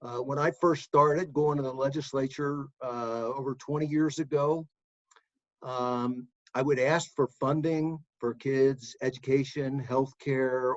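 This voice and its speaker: Sincere man over muffled call audio. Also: medium pitch. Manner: measured, sincere, with hesitant fillers. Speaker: advocacy organization staff. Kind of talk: panel remarks on a video call. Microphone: video call.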